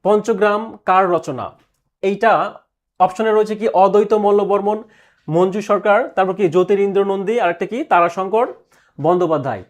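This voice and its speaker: High-voiced man teaching exam prep. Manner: repeats answers slowly, asks and answers own questions.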